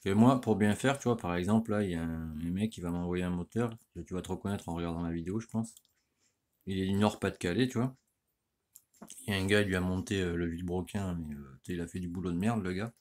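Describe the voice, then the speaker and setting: A man's voice: low voice, fast, a little mellow. A middle-aged man talking casually while he works on an engine in his workshop, rambling and slangy, tagging nearly every phrase with a "you see". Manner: rambling and slangy, saying "tu vois" constantly. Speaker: motorcycle mechanic. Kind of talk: casual workshop how-to talk. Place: home workshop or garage.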